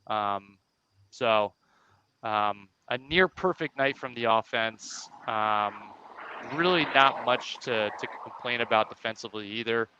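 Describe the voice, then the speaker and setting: A man co-hosting a sports podcast, giving quick, energetic game analysis in casual chat. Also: mid-range voice, slight background noise. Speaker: podcast co-host. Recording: dull lo-fi sound.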